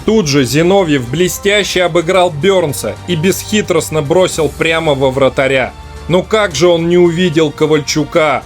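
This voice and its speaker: A man's voice: on the high side, normal speed. A man hosting and narrating a scripted hockey match recap for a video channel. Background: music.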